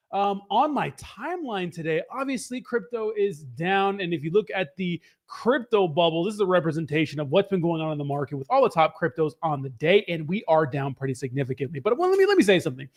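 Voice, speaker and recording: High-pitched, slightly hoarse male crypto streamer. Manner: upbeat, informal hype with slangy shout-outs. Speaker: live stream host. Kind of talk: casual live-stream chat, greeting viewers and giving crypto news.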